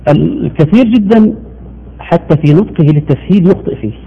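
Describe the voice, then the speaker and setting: A man's voice: on the high side, brisk, creaky, husky, highs cut off. A man teaching the rules of Quran recitation in a televised lesson, explaining patiently, repeating points and giving short assents.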